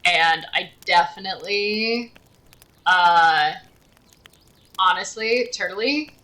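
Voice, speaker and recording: An American woman streams a game and chats casually with her viewers, thinking out loud as she plays. Her voice is fairly low, bright and forceful, and she takes her time.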